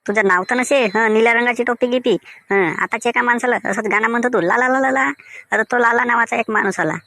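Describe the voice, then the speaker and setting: A man's voice: very high-pitched, steady tone, fast, bright, forceful tone, no room sound, full character voice. A man voicing a defensive, grumbling village mango seller with a Vidarbha Marathi accent. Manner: sing-song, defensive, grumbling. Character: cheerful singing village mango seller Diwakar.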